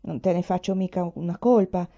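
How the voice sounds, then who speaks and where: A woman voicing a calm, good-natured young peasant man who speaks plainly. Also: fairly low pitch, fairly quick, natural voice. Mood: earnest. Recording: dull lo-fi recording.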